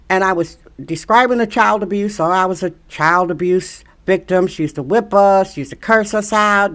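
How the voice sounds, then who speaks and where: A woman's voice: mid-range voice, fairly bright tone. A middle-aged woman from Wisconsin giving an emphatic, preachy monologue to camera, repeating rhetorical questions to press her point. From Milwaukee, Wisconsin. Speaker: social media commentator.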